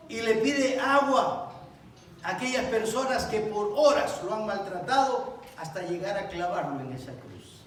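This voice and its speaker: A male pastor preaching with passion in a church, his voice bouncing off a big, echoey room. His high voice swings widely, from ringing cries down to near-murmurs. He sounds a little distant from the mic, with a faint hiss of room noise underneath. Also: animated, unhurried. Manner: impassioned preaching, swinging between loud cries and hushed lines. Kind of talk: sermon. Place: church sanctuary.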